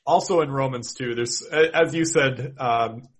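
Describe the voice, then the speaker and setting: Thoughtful Minnesotan man, halting delivery. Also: medium pitch, slightly rough. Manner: thoughtful, many fillers and restarts. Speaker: podcast co-host. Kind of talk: casual theological discussion.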